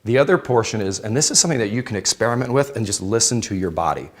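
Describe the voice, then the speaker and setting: A man's voice: fairly low pitch, animated, racing. A man giving a live exercise demonstration as an instructor, explaining in an informal, conversational way to participants. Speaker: fitness instructor. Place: indoor aerobics room with exercise bikes. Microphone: worn clip-on or headset mic.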